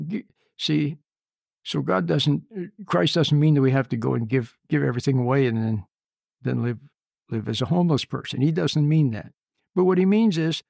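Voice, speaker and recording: A man giving an informal sermon, emphatic and repetitive, often checking in with a quick "See?". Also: fairly high pitch, vocal fry, breathy edge, dry recording, clean studio sound. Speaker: preacher.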